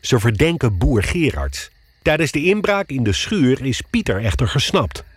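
Husky male drama narrator. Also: medium pitch, very animated, normal speed, no echo. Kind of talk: scripted narration.

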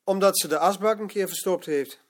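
A man's voice: high voice, brisk, lightly acted. An actor playing a deferential male clerk who answers his boss tersely. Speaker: office employee. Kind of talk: drama acting.

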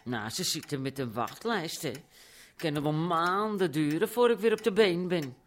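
A woman's voice: deep voice, moderate pace. An actress playing a bedridden woman chatting and gossiping with a visitor. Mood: gossipy.

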